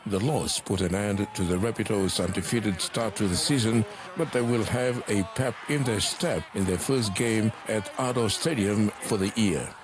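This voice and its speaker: A man delivering a scripted sports report voice-over in a smooth, steady read. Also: on the low side, moderate pace, hardly any pauses, noisy background.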